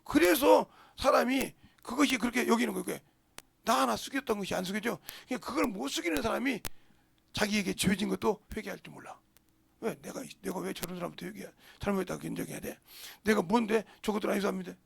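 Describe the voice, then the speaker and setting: An older man preaching a sermon as pastor, forceful and blunt, jumping between loud outbursts and low murmurs. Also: creaky, slightly rough, no room sound. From South Korea. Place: church sanctuary.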